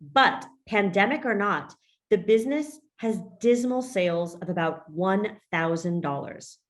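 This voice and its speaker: A woman who is a business coach hosts a podcast interview in an expressive, mid-range voice at a measured pace. She sounds upbeat and emphatic, occasionally saying "y'all."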